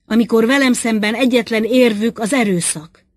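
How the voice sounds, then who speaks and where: A woman's voice: a little high, darkish tone, no room sound, studio quality, lightly acted. A woman reading the lines of a captured male architect in an audiobook, protesting sharply. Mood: indignant.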